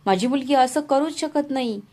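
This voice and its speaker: A woman's voice: high-pitched, moderate pace, darkish tone, pitched above the performer's own voice. Woman doing a frantic weeping mother. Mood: distraught. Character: frantic middle-aged mother.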